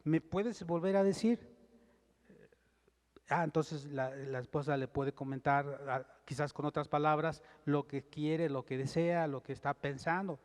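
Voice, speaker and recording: Male pastor, fairly high voice, measured sermon delivery, numbered points, long church-hall reverb. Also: little pitch movement. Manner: reads scripture aloud.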